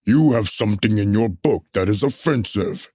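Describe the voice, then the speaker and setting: In a musical puppet show, a man plays an officious, unbothered messenger who collects banned books, sounding dismissive and matter-of-fact. His lowish voice is expressive and warm, at a moderate pace. The recording is dry and studio quality.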